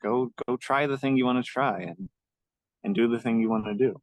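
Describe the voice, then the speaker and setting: A man co-hosting a podcast, reflecting gently and encouragingly in casual conversation. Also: mid-range voice, brisk, no room sound, low-quality recording. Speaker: podcast co-host.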